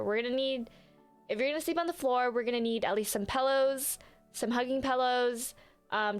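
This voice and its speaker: A woman's voice: a little high, smooth. A young woman livestreaming in a casual, chatty way, apologetic and full of fillers. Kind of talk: casual live-stream chat. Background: faint background music.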